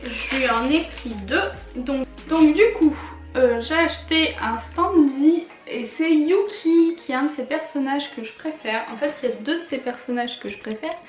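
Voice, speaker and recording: Young woman vlogger, high bright voice, gushing and chatty, echoey home room with faint music. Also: normal speed. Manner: chatty, enthusiastic, frequent fillers and laughs. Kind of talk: casual haul vlog.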